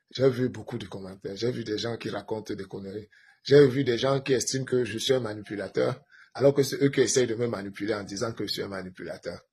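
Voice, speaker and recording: A political commentator from Cameroon delivers an emphatic monologue to viewers, lecturing and posing rhetorical questions. His voice is mid-range and slightly rough.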